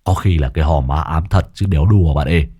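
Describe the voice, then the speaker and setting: Stammering, cowardly addict, as a man puts him on for an audio story; very low, husky voice. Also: fast, warm tone. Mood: nervous. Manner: stammering, pleading. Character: cowardly, frightened young male addict.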